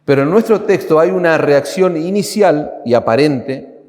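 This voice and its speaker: A man's voice: on the high side, animated, moderate pace, a little mellow. A male pastor with an Argentine Spanish accent preaching a sermon, emphatic and repeating phrases for stress. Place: church sanctuary. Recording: church hall reverb.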